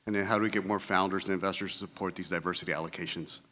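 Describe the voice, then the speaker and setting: An energetic man from Houston speaks conversationally as an investor on a panel. His voice is low but bright, and a long reverb from the hall lingers behind it. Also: racing. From Houston, Texas. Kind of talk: panel discussion.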